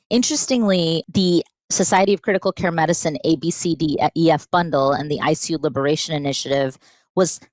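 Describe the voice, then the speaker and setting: A pediatric intensivist appears as a guest on a podcast interview, her voice low and deep-set. She tells her story in a lively, animated way, slipping into quoted dialogue, and the sound is dry and close with no echo or room behind her.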